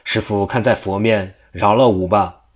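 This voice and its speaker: A frightened woman pleads and confesses in a storybook tale, read by a man in a low voice. Her words come anxious and urgent. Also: steady tone, normal speed, close to an everyday voice. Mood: pleading. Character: frightened adulterous young woman.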